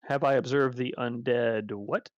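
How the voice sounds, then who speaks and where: A man running a tabletop game as game master, narrating and speaking in character as a courteous, talkative ogre, often in quick bursts. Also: mid-range voice, fairly even intonation, no echo, lo-fi sound.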